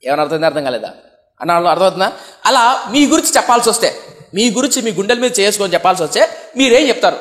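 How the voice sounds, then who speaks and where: Young man preaching, high voice, questioning congregation, long hall reverb. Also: big pitch swings, racing, a bit bright. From India. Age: young adult. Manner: asks the congregation rhetorical questions, acts out comic quotes. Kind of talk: sermon.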